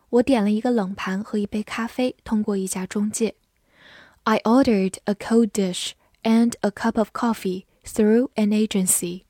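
A woman teaching English vocabulary to Chinese learners. She says each word twice, slowly, then gives its meanings. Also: mid-range voice, mellow, no echo, clean studio sound. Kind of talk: scripted vocabulary lesson.

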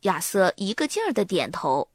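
A woman narrating a picture book to young children in a lively storytelling manner. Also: mid-range voice, moderate pace, breathy edge, dry recording, studio quality.

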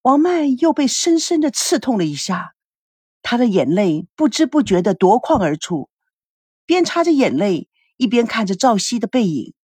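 A woman narrating an audiobook drama in an expressive storytelling manner, recorded on a close mic. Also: medium pitch, husky, no room sound.

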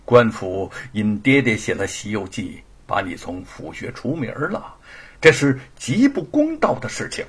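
A man voicing a gentle middle-aged scholar father who speaks softly and tenderly. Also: mid-range voice, sing-song, measured pace, slightly rough.

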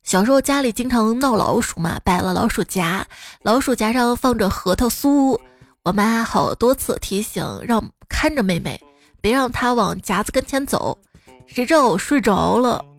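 A woman radio host reading out listeners' funny stories about children, with teasing comic asides and playful imitations of the kids. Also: fairly high pitch. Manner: playful teasing commentary, lively mimicking of children's lines.

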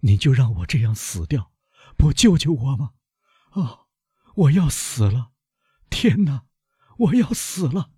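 A man's voice: low voice, very animated, measured pace, darkish tone, slightly rough, no room sound, studio quality, full character voice. A man voicing a poisoned servant who answers faintly and cries out in fear, in an audiobook reading. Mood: terrified. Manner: frightened, pleading cries. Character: servant man, poisoned, weak, then panicking.

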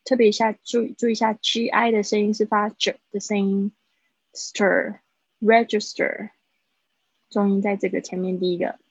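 A woman teaching English words in a live online lesson. She explains slowly and repeats each word for pronunciation. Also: medium pitch, flat delivery, husky, no echo. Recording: dull, dry livestream audio.

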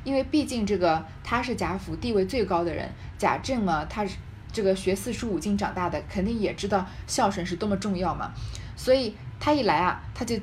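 Woman reader-commentator, mid pitch, explanatory asides, faint background noise. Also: animated, brisk. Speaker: reader and commentator on a classic novel. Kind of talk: reading aloud with literary commentary.

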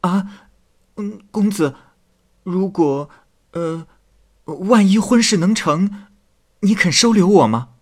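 A man voicing a shy young maidservant who pleads in halting, stammering words in a storybook retelling. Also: high voice, expressive, pitched above the performer's own voice, exaggerated voice. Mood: pleading.

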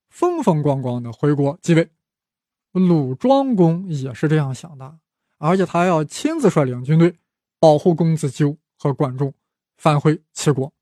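A man narrates history in a chatty, joking way and keeps turning to the listener with asides. His voice sits a little high, and the sound is dry and close, with no room around it. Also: mellow, dry recording. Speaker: podcast host. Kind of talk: casual history storytelling.

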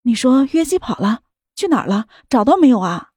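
A woman's voice: on the high side, expressive, normal speed, mellow, no echo, studio quality. A woman voicing an anxious, doting middle-aged mother who speaks urgently and fretfully.

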